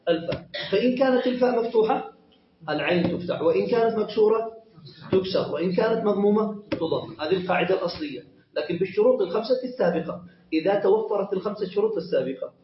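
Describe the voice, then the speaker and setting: A man's voice: high-pitched, fast talker, a little hiss or hum. A man teaching a grammar lesson, who asks questions and answers them himself, repeating points patiently and correcting himself as he goes. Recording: echoey muffled lo-fi lesson recording.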